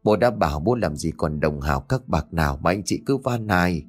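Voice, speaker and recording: A man's voice: deep voice, animated, fairly quick, soft background music, voice pushed down. A man voicing a frail old father who begs and wails, his voice trembling. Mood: weary refusal. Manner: trembling, begging.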